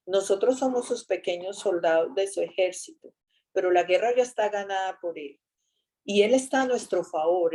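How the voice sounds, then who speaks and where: A woman giving a casual faith talk, chatty and animated as she tells an anecdote. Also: medium pitch.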